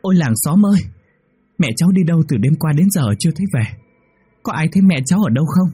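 A woman's voice: animated, fast, warm tone, breathy edge, no room sound, clean studio sound, exaggerated voice. A man voicing a scheming woman who wails theatrically, faking grief to the neighbours. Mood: wailing. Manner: shrill, theatrical wailing.

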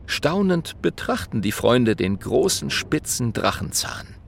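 A man narrating a children's audiobook, lively and playing many characters. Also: mid-range voice, measured pace, gravelly, a little hiss or hum. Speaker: storyteller.

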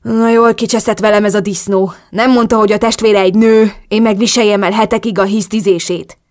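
A woman's voice: mid-range voice, fairly even intonation, darkish tone, natural voice. A woman reading an audiobook voices a domineering male crime boss who speaks with dry, mocking politeness. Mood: annoyed.

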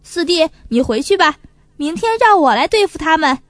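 A man's voice: very high-pitched, sing-song, normal speed, a bit bright, no echo, full character voice. A woman voicing a bold, eager young brother with magic stretching legs. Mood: reassuring. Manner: confident, eager.

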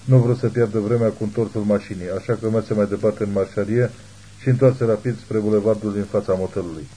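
A man narrating an audiobook in a steady, measured reading. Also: on the low side, a little hiss or hum, low-quality recording. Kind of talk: scripted narration.

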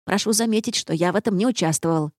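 A woman's voice: lowish voice, quick pace, a little mellow, no echo, studio quality, natural voice. A woman voicing a cheeky, fluffy male jerboa who whines and wriggles out of blame, in an audiobook. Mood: indignant, sly. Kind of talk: audiobook character voice.

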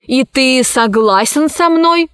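A woman's voice: sits high, lively intonation, takes it slowly, a bit bright, clear, resonant tone, no echo, studio quality, heavily acted. A woman voicing a cold, commanding queen presiding over a council in an audiobook. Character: stern, imperious queen ruling a council. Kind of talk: audiobook character voice.

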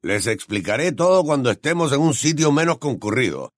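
A man's voice: medium pitch, very animated, brisk, no echo, clean studio sound, pitched above the performer's own voice, close to an everyday voice. A man doing a stern, formal older official. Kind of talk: audiobook character voice.

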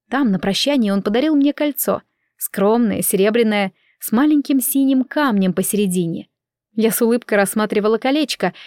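Audiobook narrator, woman, calm even delivery, medium pitch, dry close mic. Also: no room sound. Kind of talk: scripted first-person narration.

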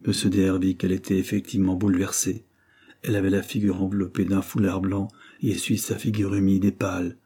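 A man reading a novel aloud as narrator in a measured, steady way. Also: deep voice, husky. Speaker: audiobook narrator.

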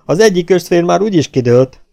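A man's voice: high-pitched, expressive, creaky, dark tone, voice pushed up. A man voicing a coarse, bullying legion corporal who bellows and curses in an audiobook. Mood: bellowing. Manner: bellowing, cursing.

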